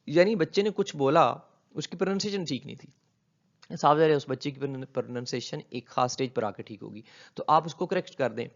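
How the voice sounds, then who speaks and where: A man delivers a linguistics lecture at a middle pitch, weaving English terms into his explanations. He poses questions and then answers them himself. The recording sounds a little dull and lo-fi. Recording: slightly dull lo-fi audio.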